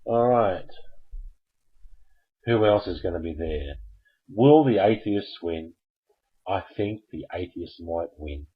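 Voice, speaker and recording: A man's voice: deep voice, takes it slowly, long pauses, breathy edge, lo-fi sound. A man hosting a live call-in stream, chatting casually and jokingly coaxing viewers to phone in. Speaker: host of a live call-in show.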